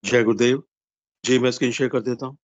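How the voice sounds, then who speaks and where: A man reading a devotional text aloud in an earnest, steady way over a video call. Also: medium pitch, fast talker. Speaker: reader in an online satsang. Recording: dull video-call audio.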